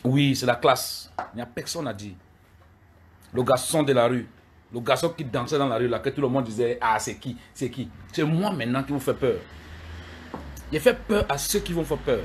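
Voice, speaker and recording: A man's voice: mid-range voice, animated, fairly quick, long pauses, a little hiss or hum. A middle-aged man, ranting heatedly at his critics on a livestream and repeating himself. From Cameroon. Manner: heated, repetitive, addressing critics directly. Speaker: live video streamer. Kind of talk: angry livestream rant.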